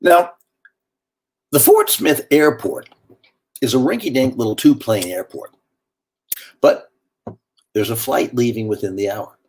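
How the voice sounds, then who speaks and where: A man delivering a wry, animated theatrical monologue, telling his story in a conversational way. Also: medium pitch, a little slow, long pauses, breathy edge.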